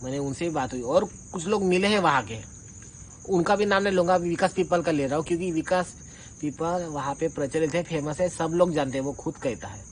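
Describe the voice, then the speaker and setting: Over clear insect-like chirping and poor audio, a man speaks a little fast in a slightly high voice. He argues back informally and colloquially, accusing and confronting like he's airing a complaint in a rebuttal monologue.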